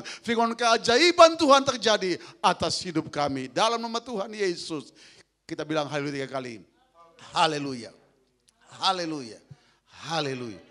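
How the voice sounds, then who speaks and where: High-voiced fervent pastor. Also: male voice, a bit bright. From Southeast Maluku, Indonesia. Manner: rhythmic repeated phrases, calls the congregation to respond. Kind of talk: fervent sermon and prayer.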